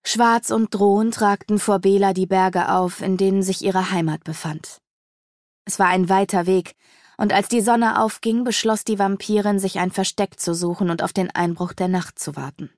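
A woman reading a fantasy audiobook aloud in a steady storytelling manner. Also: medium pitch, moderate pace, dry recording, clean studio sound. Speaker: audiobook narrator. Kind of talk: scripted fantasy audiobook narration.

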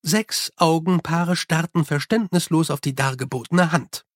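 A man reading a novel aloud as scripted narration, in a lively, expressive way. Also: fairly high pitch, unhurried, no echo, studio quality. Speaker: audiobook reader.

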